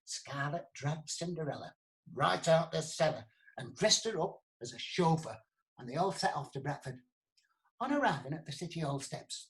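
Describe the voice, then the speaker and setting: This theatrical comic pantomime comes from a male storyteller who plays it big and talks right at the listener. He sits on the high side vocally, captured in poor audio.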